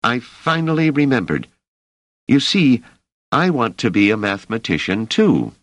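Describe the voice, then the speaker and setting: Man reading as eager young working man, higher and pleading, dry close sound. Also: big pitch swings, unhurried, dry recording. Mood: earnest. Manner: earnest, pleading. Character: eager young male laborer, earnest, unschooled.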